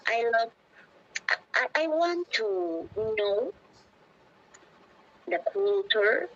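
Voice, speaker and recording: A woman's voice: on the high side, sing-song, very slow, a bit bright. A woman practising English conversation, hesitant and searching for words with many fillers, over a video call. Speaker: English learner. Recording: dull lo-fi audio.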